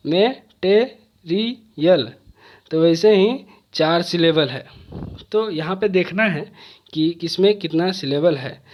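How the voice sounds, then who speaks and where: A man gives an exam-prep lesson in a fairly high voice. He talks slowly and patiently, repeating his explanations. He stretches words out to count their syllables aloud. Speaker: teacher.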